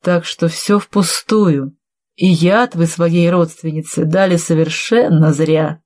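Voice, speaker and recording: A woman reading aloud, voicing a shrewd man who calmly exposes a poisoner, measured and cutting. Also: fairly low pitch. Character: calm shrewd male investigator exposing a poisoner.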